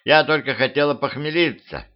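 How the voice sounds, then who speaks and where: A man putting on a furry little male house spirit from a storybook, whiny and sly, with a mewing, pleading way of talking. The voice sits at an ordinary male pitch but is lifted and wheedling, and the homemade recording sounds a little dull. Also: normal speed, close to an everyday voice.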